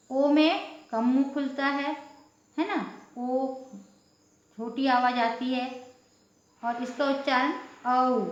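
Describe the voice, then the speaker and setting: A woman teaching a Hindi lesson, explaining patiently, repeating words and checking that listeners follow. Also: high-pitched. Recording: echoey room, dull lo-fi sound.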